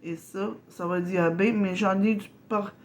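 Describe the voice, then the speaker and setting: A woman from Quebec with a Québécois accent, hosting a casual unboxing vlog, halting and apologetic, full of fillers and restarts. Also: medium pitch, steady tone. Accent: Québécois French. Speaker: channel host.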